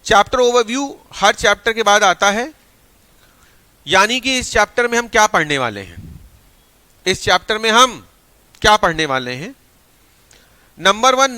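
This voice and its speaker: A male teacher giving an energetic exam-prep lecture, mixing Hindi with phrases. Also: high-pitched, moderate pace, pauses often, smooth, dry recording.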